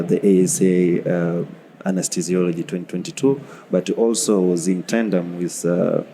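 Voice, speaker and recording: Tanzanian guy, very deep voice, slow halting answers, faint noise. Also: warm tone. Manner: halting, many fillers. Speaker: guest anesthesiologist. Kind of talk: conference interview.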